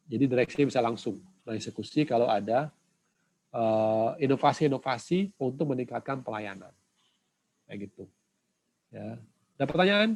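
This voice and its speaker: A male lecturer with a mid-pitched voice talks through a point in an online class. He pauses often on fillers and tags his sentences casually. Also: a little mellow, rough recording. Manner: halting, many "eh" fillers and tag "ya".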